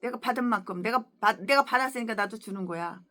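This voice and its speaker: A woman pastor preaching a sermon in a fiery, scolding way, full of crude insults, moving between quiet asides and shouts. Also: on the high side, fast talker. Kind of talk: expository sermon.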